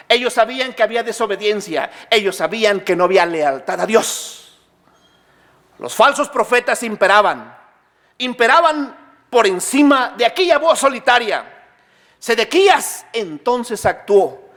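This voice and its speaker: A man preaching a sermon as pastor, asking his congregation questions and answering them himself, building to near shouts. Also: high voice.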